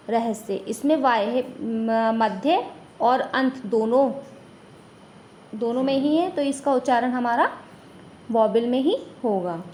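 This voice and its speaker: Woman schoolteacher, higher voice, unhurried online lesson, slight background hiss. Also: a little mellow. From India. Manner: asks questions and answers them herself, slow and clear. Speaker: primary school teacher.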